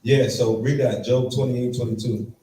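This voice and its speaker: A man's voice: medium pitch, little pitch movement, normal speed, warm tone, slight background noise. A man teaching a Bible class, emphatic and throwing rhetorical questions at his students. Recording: echoey room from far off, faint ambience.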